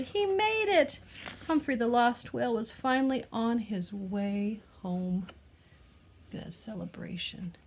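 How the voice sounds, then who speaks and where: This woman's voice sits high and sounds gravelly, with slight background noise. Reading a children's picture book expressively in a teacherly way, she explains words along the way and puts gentle questions to the listener.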